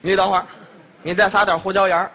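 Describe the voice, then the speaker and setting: A man's voice: high voice, flat delivery, fast, bright, forceful tone, muffled recording. A man playing the straight man in a crosstalk comedy routine, correcting his partner with teasing retorts.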